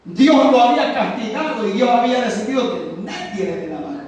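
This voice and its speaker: Ecuadorian guy preaching hard, really high voice, super echoey, mic far away. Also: lively intonation, brisk, darkish tone. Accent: Ecuadorian Spanish. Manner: fervent preaching, storytelling, exhorting. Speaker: evangelist preacher. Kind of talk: sermon.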